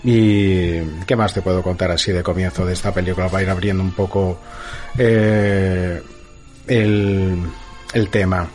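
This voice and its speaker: A man's voice: low-pitched, steady tone, unhurried, darkish tone, faint music behind. A man talking casually about a film, enthusiastic and rambling, with many fillers and restarts. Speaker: film commentator. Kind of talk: casual film chat on a radio show.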